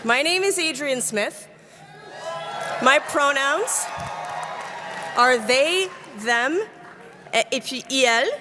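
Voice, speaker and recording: A woman's voice: high voice, expressive, drawn-out words, long pauses, over a noisy crowd, heavy background noise. A woman with an English-speaking accent in French, co-chairing a convention and reading policy in English and French with small stumbles. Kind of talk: bilingual chairing and announcements. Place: large convention hall. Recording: long reverb of a large hall.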